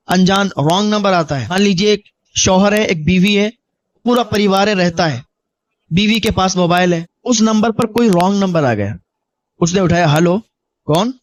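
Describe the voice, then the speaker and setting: A man preaching a sermon, telling a moral story earnestly and exhorting his listeners. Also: sits high. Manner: earnest, exhorting, acts out dialogue. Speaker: Islamic preacher.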